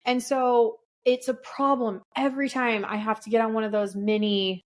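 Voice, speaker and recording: A middle-aged woman spinning a story in loose, casual chat. She swears freely and acts out what everyone said, keeping the telling animated throughout. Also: a little high, moderate pace. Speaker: podcast co-host.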